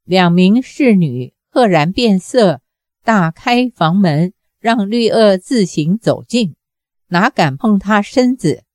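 A woman reading a novel aloud as a measured, deliberate narrator. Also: mid-range voice, expressive, a little mellow, no echo, studio quality. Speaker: audiobook reader.

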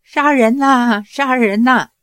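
A woman's voice: on the high side, expressive, measured pace, dry recording, studio quality. A woman reading aloud voices a mischievous young man who whines and wails pleas while feigning helplessness. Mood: wailing. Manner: whining and wailing pleas.

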